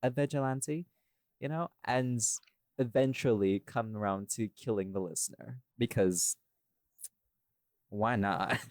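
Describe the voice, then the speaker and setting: In a clean studio recording with no room sound, a man talks at a measured pace in a medium-pitched voice, pausing often. He's a podcast host, audio creator and voice actor giving a casual, jokey, self-deprecating behind-the-scenes look at his audio work, with some swearing.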